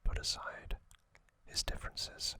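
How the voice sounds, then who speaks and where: In a breathy whisper, this ASMR trivia host narrates a story, keeping his phrases short and hushed with pauses in between.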